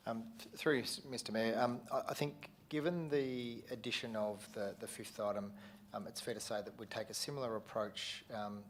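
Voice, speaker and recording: A man's voice: on the low side, fairly even intonation, moderate pace, a little hiss or hum. An Australian man, the council CEO, answering questions carefully with many fillers. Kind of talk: formal official answer.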